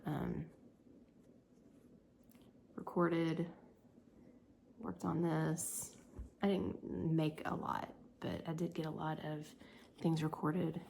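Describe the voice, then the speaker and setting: A tired woman vlogging her day as a crochet business owner and homeschooling mom, whispering softly and rambling with lots of ums late at night at home. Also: low voice, level tone, takes it slowly, creaky, long pauses, slight background noise.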